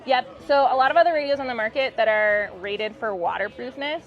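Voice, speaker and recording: Speaking fairly quickly with a fairly high pitch, a company representative explains a product in an upbeat, casual way during an interview demo. The audio is muffled and band-limited, with music in the background.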